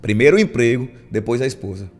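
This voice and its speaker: A man's voice: mid-range voice, lively intonation, fast, a little mellow, faint music behind. A man preaching a sermon as a pastor, telling stories and acting out the lines of church members. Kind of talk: sermon with storytelling.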